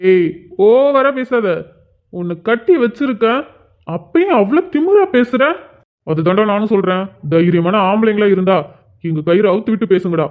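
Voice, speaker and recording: A man voicing a hot-tempered father in a cartoon who is tied up and shouts threats at his captors. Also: high voice. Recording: tinny phone-like sound.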